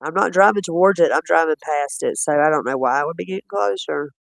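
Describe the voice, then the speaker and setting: A man chatting casually while reviewing footage, rambling and quick to laugh. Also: fairly high pitch, creaky, fairly bright tone, no echo. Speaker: cryptid-hunting streamer.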